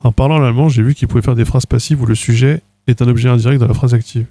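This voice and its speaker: A man's voice: medium pitch, fairly even intonation, fast, mellow, dry recording. A man from France in his thirties chatting casually on a livestream, trying out languages with hesitant fillers. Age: 30s. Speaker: streamer.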